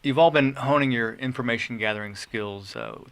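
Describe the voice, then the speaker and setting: A man hosting a panel interview with journalists, speaking in a measured way with many fillers and restarts. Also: mid-range voice, a bit bright, dry recording. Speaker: radio show host.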